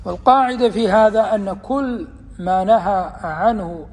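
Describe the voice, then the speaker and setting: A man giving a religious lesson, explaining hadith in a measured, deliberate way and slowing down for quotations. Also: sits high, a little mellow. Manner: measured, deliberate explanation with slow quoted passages. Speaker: Islamic teacher. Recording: long hall reverb.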